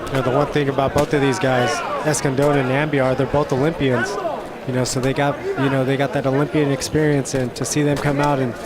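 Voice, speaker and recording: Fast, casual male boxing analyst. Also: mid-range voice, little pitch movement. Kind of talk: casual conversational commentary. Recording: roaring arena crowd behind.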